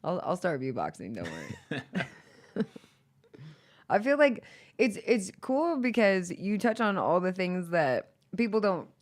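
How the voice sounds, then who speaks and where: A woman's voice: fairly low pitch, big pitch swings, a little slow, pauses often. A woman hosting a casual podcast, rambling through her thoughts with constant "like" fillers and frequent laughter. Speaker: podcast host.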